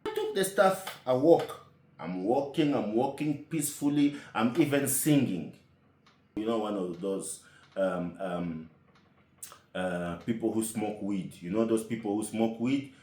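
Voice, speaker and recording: Man, comic storyteller, lively indignant delivery, echoey room, loads of rhetorical questions. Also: lowish voice, measured pace.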